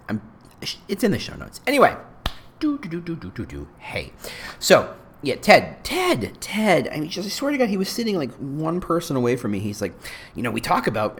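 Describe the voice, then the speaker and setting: A man's voice: mid-range voice, a little hiss or hum. A man hosting his own podcast, talking casually on his own with frequent restarts and asides. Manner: rambling, self-interrupting, lively delivery. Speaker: podcast host. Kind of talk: casual solo podcast talk.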